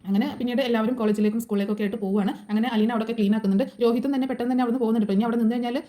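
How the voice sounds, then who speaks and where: A woman's voice: on the high side, fairly even intonation, racing, dark tone. A woman narrating a casual voice-over recap of a TV serial, chatty and constantly adding little tag words. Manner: chatty, rattles through the plot with frequent tag words.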